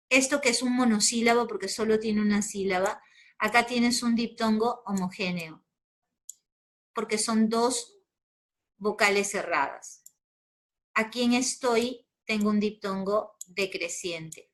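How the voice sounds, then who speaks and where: Peruvian woman, teacher; slow, patient explainer, mid pitch. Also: a bit bright. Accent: Peruvian Spanish. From Peru. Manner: patient, explains step by step with check-in questions. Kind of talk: spoken grammar lesson.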